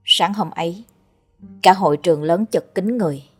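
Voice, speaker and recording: A woman's voice: lowish voice, normal speed, breathy edge, soft background music. Woman narrating a horror tale. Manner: steady, dramatic storytelling.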